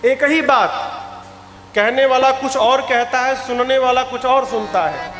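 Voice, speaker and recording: A man's voice: very high voice, measured pace, a bit bright. A man preaching a religious story, acting out dialogue between figures and breaking into sung lines, recorded in a large hall on a stage microphone with live music. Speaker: katha preacher. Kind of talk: sermon storytelling. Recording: echoey hall with instrument backing.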